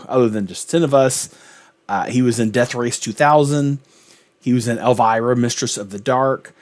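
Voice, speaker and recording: A man hosting a sitcom reaction video, musing thoughtfully in a rambling, casual way. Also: medium pitch. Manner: thoughtful, rambling, lots of filler. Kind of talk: casual commentary.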